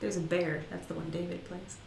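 Playful low-voiced woman, echoey room. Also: flat delivery, brisk, vocal fry. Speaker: podcast co-host. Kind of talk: casual chat. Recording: roomy echo, faint background hiss.

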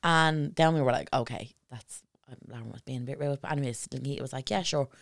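A woman's voice: rumbling low, fairly quick, no echo, clean studio sound. A woman co-hosting a podcast, telling a story in casual chat and acting out what everyone said, with the odd swear. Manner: animated storyteller acting out quotes, swears freely. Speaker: podcast co-host.

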